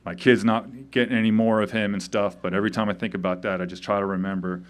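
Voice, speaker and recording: A man in his fifties, grieving, giving a halting memorial speech full of pauses and fillers at a tavern gathering. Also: fairly low pitch, level tone. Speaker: eulogy speaker. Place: tavern event.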